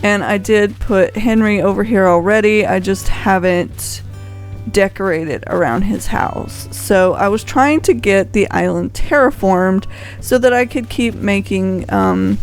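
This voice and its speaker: A woman hosts a video showing off a game island, offering casual, unscripted commentary as she rambles and thinks aloud. Her mid-range voice moves at a measured pace over soft background music.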